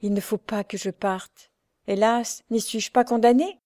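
Brief: desperate grieving young woman, slow anguished pleading, read by a woman; mellow tone, dry audiobook. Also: on the high side, fairly even intonation, no echo, lightly acted.

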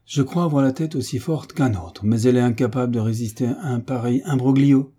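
A man's voice: medium pitch, fairly quick, dark tone, husky, lightly acted. A man voicing an exasperated, blustering old baron in an audiobook, complaining frantically and crying out in disbelief.

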